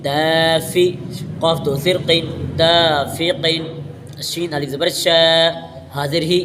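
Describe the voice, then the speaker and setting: A man with an Urdu accent leads a very slow Quran reading lesson, spelling each letter with its vowel mark before joining the syllables into a stretched-out word. His voice sits a little high. It rings with a long hall reverb over faint background noise. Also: fairly even intonation.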